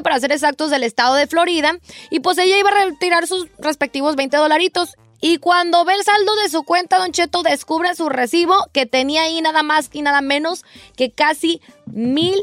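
A woman's voice: high voice, no echo. A woman, co-hosting a comedy radio show and giving strong opinions. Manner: opinionated, animated storytelling. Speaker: radio co-host.

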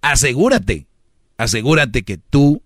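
A man's voice: mid-range voice, sing-song, measured pace, dry recording, clean studio sound. A man with a Mexican accent, hosting a casual chat and giving brash, slangy dating advice with acted-out quotes.

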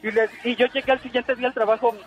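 Radio host type, man, high breathy voice, gossipy storyteller, music bed faintly under. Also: fast. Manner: gossipy, animated, laughs often. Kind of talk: casual radio chat, storytelling.

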